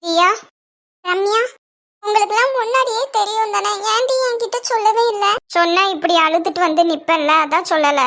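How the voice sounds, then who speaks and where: Woman doing chatty cartoon young women and a fussing mother, Kanyakumari Tamil accent, teasing and scolding, very high voice. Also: moderate pace, fairly bright tone, a little hiss or hum. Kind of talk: voicing family cartoon dialogue.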